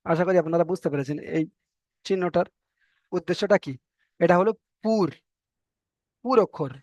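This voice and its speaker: High-voiced patient male teacher. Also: a little mellow, no room sound, muffled recording. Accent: Bengali. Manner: patient, repeats letter names and drawn-out sounds. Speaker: Quran reading teacher. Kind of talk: explanatory online lesson.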